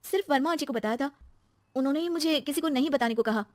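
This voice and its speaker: Woman playing an excitable, high-voiced young wife. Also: fast talker, no room sound, clean studio sound, natural voice. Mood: worried, defensive. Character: excitable young married woman, chatty, easily aggrieved. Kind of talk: acted story dialogue.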